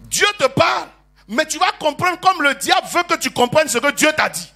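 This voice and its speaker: A man preaching a sermon as bishop, calling on the congregation to answer amen, teasing them with jokes and rising to loud prophetic declarations. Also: extremely high pitch, moderate pace, vocal fry, soft background music. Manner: animated preaching with call-and-response.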